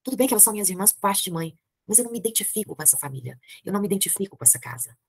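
A woman's voice: medium pitch, animated, racing, husky, no room sound, studio quality. A Brazilian woman reading a novel aloud, voicing a young woman who speaks earnestly and firmly. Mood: resolute. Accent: Brazilian Portuguese.

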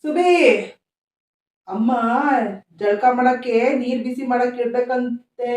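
A timid young son, voiced by a woman in a homespun comedy sketch, tripping over the first syllable of each word. His speech is slow and halting. The sound is roomy and recorded from a distance. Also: a little high, mellow. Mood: stammering. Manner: stutters on first syllables, speaks slowly. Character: young male son with a heavy stutter, meek. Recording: echoey room, voice from a distance.

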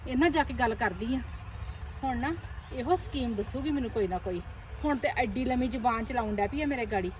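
A woman playing a scheming, complaining mother-in-law in a family drama, sharp-tongued and muttering plans to herself. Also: high voice, background noise. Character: scheming, nagging middle-aged mother-in-law.

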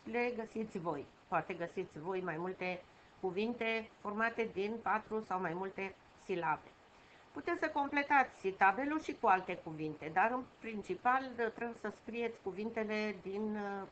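A woman teaching a lesson for young children, patient and repeating key words slowly. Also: mid-range voice, a bit bright. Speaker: primary school teacher. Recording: dull home recording with faint noise.

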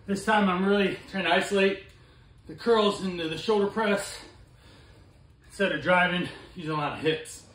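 High-voiced man coaching in echoey barn gym. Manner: energetic, instructive, brisk cues. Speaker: fitness coach. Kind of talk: workout vlog narration. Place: large home gym in a barn with metal walls.

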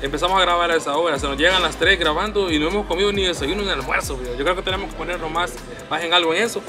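Chatty Salvadoran man, quick and high. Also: music in the background. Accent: Salvadoran Spanish. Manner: chatty, relaxed, slangy. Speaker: vlogger host. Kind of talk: casual chat. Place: indoor restaurant table by window.

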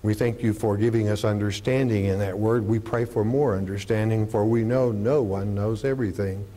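On a studio stage with a podium and curtain, an older man who pastors speaks at a normal pace through a lapel mic, warm and low-key yet animated as a Bible teacher. He keeps gesturing while teaching and answers his own rhetorical questions.

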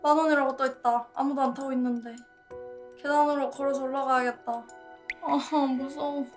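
A woman's voice: high-pitched, flat delivery, fast, soft background music. A woman streaming a horror game, commenting and reading the text aloud in a scared, jumpy manner with exclamations. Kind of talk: gameplay commentary with on-screen text read aloud.

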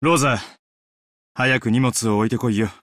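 Actor as rough brother, very fast, dry. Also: male voice, mid-range voice, a bit bright, no room sound, close to an everyday voice. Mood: brusque.

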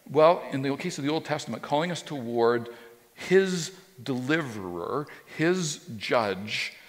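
Standing on an indoor church stage with a drum kit behind him, a pastor in his fifties preaches a sermon. His mid-range, fairly bright voice is loose and conversational, full of restarts and repeated words, and the long reverb of a church hall surrounds it.

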